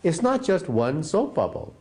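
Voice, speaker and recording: A man from the United States, a physicist guest in an interview, explaining science as an animated, emphatic storyteller. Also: a little high, measured pace.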